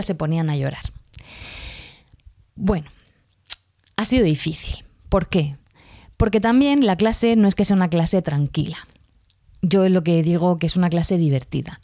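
A woman's voice: lowish voice, warm tone, dry recording, studio quality. A woman teacher, talking casually in a podcast monologue, rambling with fillers and self-corrections. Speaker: primary school teacher podcaster.

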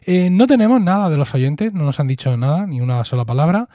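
A man's voice: on the high side, animated, brisk, mellow, dry recording, studio quality. A man from co-hosting a podcast in casual chat, jokey and chatty, often restarting his words. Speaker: podcast co-host.

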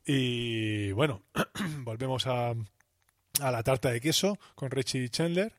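Animated man co-hosting a podcast. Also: medium pitch, slow pace, dry recording, studio quality. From Spain. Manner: animated retelling with acted-out quotes. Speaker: podcast co-host. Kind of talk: casual podcast chat.

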